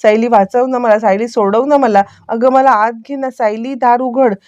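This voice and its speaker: A woman's voice: on the high side, fairly even intonation, moderate pace, a little mellow, dull audio, voice pushed up, lightly acted. A woman voicing a frightened young wife who begs to be believed and let back in. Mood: desperate. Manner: pleading, begging. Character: scheming young wife Priya, pleading and frightened.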